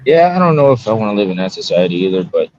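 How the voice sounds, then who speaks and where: A man's voice: lowish voice, sing-song, very fast, darkish tone, no echo. A rambling man on a dull, dry mic. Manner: rambling, self-interrupting. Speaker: guest on a streamer's call-in show. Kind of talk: casual online debate chat.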